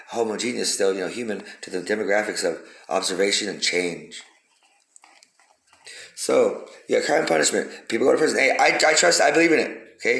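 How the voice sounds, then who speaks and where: A man's voice: lowish voice, gravelly, fairly bright tone. A man giving a rambling, profane philosophical monologue, repeating himself for emphasis. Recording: roomy echo.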